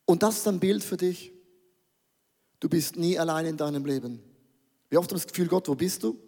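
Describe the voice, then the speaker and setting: A man's voice: a little high, fairly quick, warm tone. A man preaching a rousing, emphatic sermon, dropping English catchphrases and calling on the audience to answer him. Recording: long reverb of a large hall.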